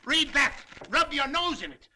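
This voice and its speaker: An actor playing an irascible, melodramatic newspaper editor, hurling florid, blustering insults in 1930s screwball comedy film banter. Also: male voice, extremely high pitch, expressive, moderate pace, bright, forceful tone, a little hiss or hum, full character voice. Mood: furious.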